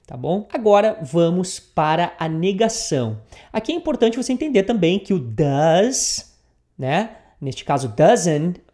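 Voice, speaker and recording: Brazilian woman teaching english basics, lowish warm voice, lots of tá and né. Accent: Brazilian Portuguese. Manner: drills phrases slowly, has the learner repeat, peppers with "tá?" and "né?". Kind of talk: beginner English lesson.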